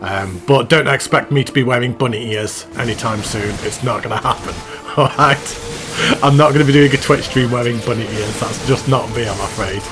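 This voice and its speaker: A man talks over his gameplay footage in a loose, self-mocking way, laughing at his own jokes as he goes. His voice sits at an ordinary middle pitch, and music plays clearly behind him. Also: moderate pace, low-quality recording. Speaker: gaming channel host. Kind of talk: game commentary voice-over. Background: background music.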